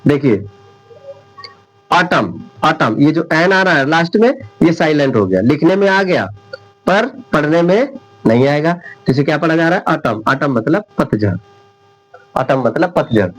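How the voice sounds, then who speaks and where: A man teaching English spelling rules at a whiteboard, repeating each example word slowly and often checking whether his viewers understand. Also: on the high side, lively intonation, low-quality recording. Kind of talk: whiteboard classroom lesson.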